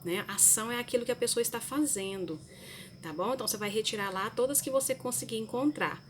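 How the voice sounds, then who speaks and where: A woman's voice: on the high side, fast talker, slight background noise. A woman, a primary school teacher giving a recorded lesson to children, explaining each task patiently step by step.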